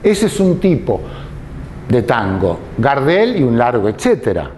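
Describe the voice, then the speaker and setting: A man giving a lecture, explaining slowly and deliberately and posing rhetorical questions to his listeners. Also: mid-range voice, very animated, a little mellow, slight background noise. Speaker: tango lecturer.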